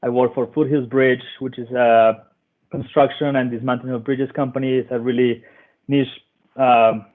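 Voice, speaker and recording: A man from Colombia introducing himself as a bridge engineer on a virtual roundtable, speaking in a flat, even way. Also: medium pitch, normal speed. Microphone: computer mic on a video call. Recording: tinny, phone-like call audio.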